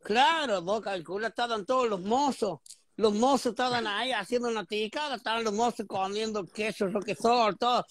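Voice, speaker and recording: High-voiced man rambling comic tales. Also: normal speed, no echo, studio quality. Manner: rambling, laughing, bursts into high shouted gibberish quotes. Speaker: comedian playing a Titanic historian. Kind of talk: improvised comic storytelling. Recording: noisy background hiss.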